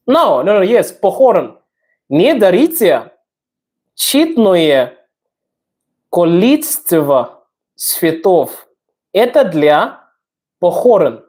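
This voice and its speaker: A woman hosts a casual live stream in a fairly low, very lively voice. She is a native English speaker whose Russian has an English-speaking accent, sounded out slowly and haltingly. She switches into English with playful self-mockery. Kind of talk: casual live chat with viewers.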